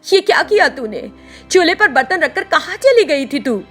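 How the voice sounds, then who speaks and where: Scolding middle-aged mother-in-law voiced by a woman, shouting, high pitched, storybook cartoon. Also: normal speed, faint music behind. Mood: angry.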